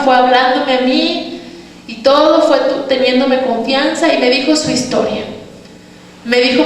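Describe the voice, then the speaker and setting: A Mexican woman missionary preaches with a high voice, earnestly telling a testimony to her congregation. Her voice rings through a big church hall, heard from far off the mic. A faint ambience sits beneath it. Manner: earnest testimony, addressing the congregation as brothers and sisters. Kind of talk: sermon. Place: church sanctuary.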